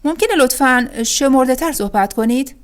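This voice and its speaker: Woman teacher running an english phrase lesson, says each line then drags it out slow n careful, kinda high voice. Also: lively intonation. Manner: clear, careful pronunciation, drawing out words on repetition. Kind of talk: language lesson, reading phrases then repeating them slowly.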